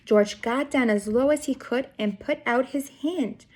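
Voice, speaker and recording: Her voice is high and a little slow as she reads a picture book aloud to young children. Teacher-like and expressive, the woman speaks directly to her listeners, steering them with guiding questions throughout the story.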